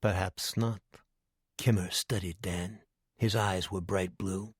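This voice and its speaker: A man narrates an audiobook in a measured, often hushed delivery. His voice sits on the low side. The close studio recording is dry with no room sound. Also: steady tone, slightly rough, dry recording.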